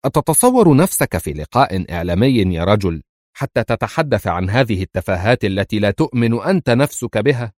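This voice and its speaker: A man's voice: on the low side, big pitch swings, fast talker, a little mellow, no echo, clean studio sound. A man reading as a stern, sarcastic man who scorns a powerful official. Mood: scornful.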